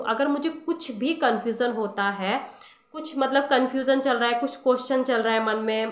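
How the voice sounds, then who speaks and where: In an echoey room, a woman who teaches meditation talks informally about the practice, speaking right to her listener and asking questions she doesn't expect answered. Her voice is a little high with a fairly bright tone.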